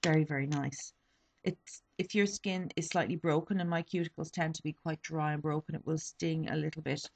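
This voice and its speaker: This young woman, a beauty vlogger in her twenties, chats casually about a beauty haul, reviewing products with lots of ums and corrections of herself. Her voice sits low and steady, moving at a moderate pace, slightly sniffly, with a faint hiss or hum in the recording.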